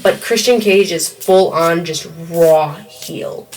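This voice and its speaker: A woman hosting a casual wrestling podcast, chatty and quick to exclaim. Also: on the low side, a little mellow, recorded from a distance. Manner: chatty, exclaims "Lord" often. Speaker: podcast host.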